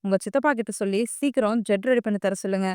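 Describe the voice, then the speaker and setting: A woman's voice: medium pitch, fast, darkish tone, clean tone, no echo, studio quality, close to an everyday voice. A woman voicing a tense young man who gives urgent orders, in an audio story. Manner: urgent, commanding.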